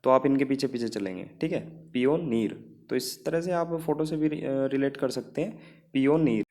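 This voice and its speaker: A man of average pitch teaches vocabulary for exam students, speaking in Hindi sprinkled with English words. He walks through each word with a memory trick and keeps checking in with the class. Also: normal speed, a little mellow. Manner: explains in Hindi mixed with English words, often saying "ठीक है".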